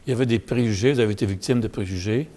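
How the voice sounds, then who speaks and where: A man's voice: on the low side, very fast, warm tone. A man hosting an interview in a theatre lobby, hesitant with many fillers. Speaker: host. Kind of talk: casual interview.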